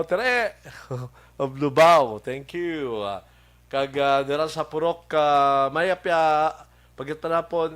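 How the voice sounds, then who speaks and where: A man hosting a local radio show with a Hiligaynon accent, chatting casually and greeting listeners by name, halting with many fillers and chuckles. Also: mid-range voice. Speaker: radio host. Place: radio studio.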